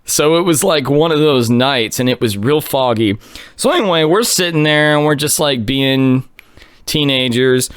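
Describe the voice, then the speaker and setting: A man telling a story in a laid-back, casual way, full of likes and you-knows, on a close mic in a small quiet room. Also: mid-range voice, normal speed, clean tone, dry recording.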